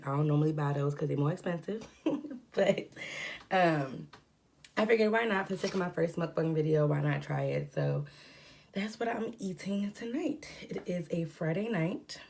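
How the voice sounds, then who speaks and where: A young woman with a low, gravelly voice chats at home while she eats for the camera. She rambles with plenty of ums and likes and breathes heavily from a cold. Her tone is dark and mellow, with a faint hiss underneath. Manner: rambling, filler-heavy, relaxed. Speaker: mukbang vlogger. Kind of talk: casual chat while eating. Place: at home indoors.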